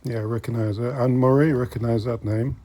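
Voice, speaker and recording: Browsing in a secondhand shop, this middle-aged vintage collecting vlogger keeps up casual, chatty commentary for viewers, at times muttering to himself. He talks fairly quickly in a medium-pitched voice, steady and dark in tone.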